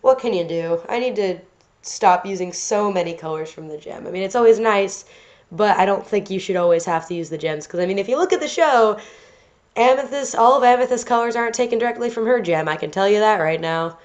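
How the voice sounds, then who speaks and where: A brisk, medium-pitched woman with a stuffy nose chats casually over a drawing video, rambling with plenty of fillers and restarts. She hosts an art channel, and the lo-fi home recording sounds slightly dull.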